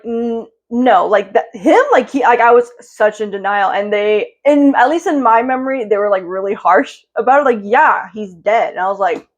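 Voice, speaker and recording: A young woman vlogger telling a heartfelt personal story in a rambling way, full of fillers and restarts, and emotional close to tears. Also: mid-range voice.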